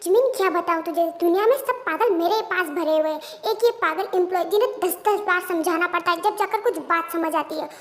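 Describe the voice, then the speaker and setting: A woman doing a short-tempered young female boss, high voice. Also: a little fast, hardly any pauses. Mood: ranting. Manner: scolding, ranting. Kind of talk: Hindi fan-dub audio story.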